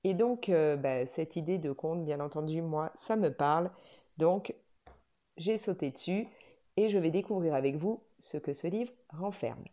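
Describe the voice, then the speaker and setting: A woman vlogger chats casually on video about a coloring book, hesitating often with many fillers and restarts. Her voice sits low and mellow, a little slow, with lively intonation.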